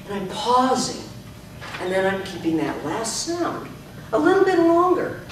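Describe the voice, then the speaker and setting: A woman leading a speaking workshop as a speech coach, stretching out syllables when she demonstrates. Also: fairly low pitch. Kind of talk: teaching a workshop. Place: club meeting room. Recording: echoey room, far from the mic, noisy.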